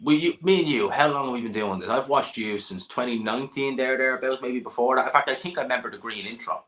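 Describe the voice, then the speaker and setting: A boxing channel host runs a live chat stream, joking and bantering with a guest and laughing often. His voice is medium in pitch, a bit bright, and he talks fast.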